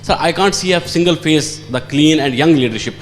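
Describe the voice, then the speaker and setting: A man's voice: on the high side, fairly quick. A man from Srinagar with a Kashmiri accent, asking a question from the audience at a public event. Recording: echoey hall, noisy hum.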